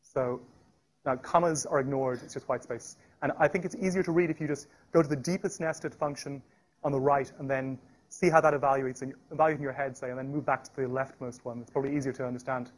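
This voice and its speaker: A man giving a live technical presentation at a meetup, talking fast with frequent restarts and fillers. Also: mid-range voice, fairly even intonation. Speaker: tech meetup speaker. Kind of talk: live technical talk with demo. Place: meetup room.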